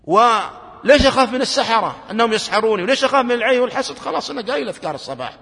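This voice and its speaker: Guy giving a sermon, high bright voice, lots of questions to the crowd, long echo of a hall. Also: animated, racing, vocal fry. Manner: earnest, asks the listeners many questions. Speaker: preacher.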